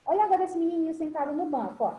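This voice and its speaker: This primary school English teacher races along in a very high-pitched, expressive voice while teaching young children on a video call. Still patient and affectionate, she calls them "my love" and keeps checking they follow. The audio sounds phone-quality and roomy, with faint ambience.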